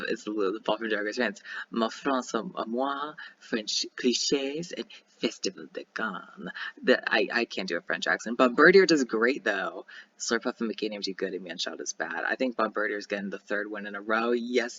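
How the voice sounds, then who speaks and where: A young man casually commentating a game he plays, chatty and excitable, with many ums and restarts. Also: lowish voice, dull audio, a little hiss or hum. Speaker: gaming YouTuber.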